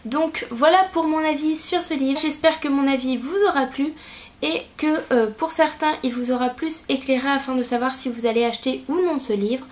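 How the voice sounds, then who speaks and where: A young woman giving a casual book review on her vlog, speaking hesitantly with frequent filler pauses. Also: high-pitched, fairly even intonation.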